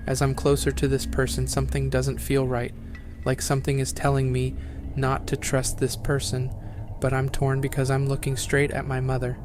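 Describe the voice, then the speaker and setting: A man reading first-person horror stories aloud as scripted narration, in a flat, even reading. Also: medium pitch.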